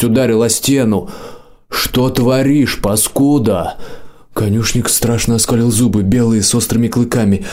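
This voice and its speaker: Low-voiced male audiobook narrator. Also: darkish tone. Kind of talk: scripted fantasy narration.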